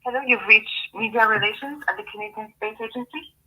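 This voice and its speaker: A woman's voice: a little high, brisk, pushed and bright, breathy edge. A woman's recorded answering machine message, heard over a phone line, read politely and evenly as a greeting. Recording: tinny phone-line playback.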